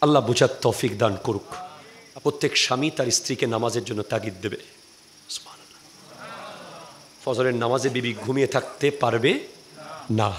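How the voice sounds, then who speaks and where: A man from Bangladesh preaching a waz sermon to a crowd, his delivery moving between quiet, measured stretches and shouted, fiery exhortations. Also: mid-range voice, slight background noise.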